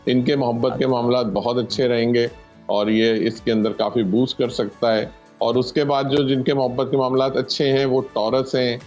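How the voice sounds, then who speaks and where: A man, an astrologer explaining predictions on a TV show in a measured way with many hesitations. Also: mid-range voice, fairly even intonation, a little mellow, faint music behind. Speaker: astrologer guest.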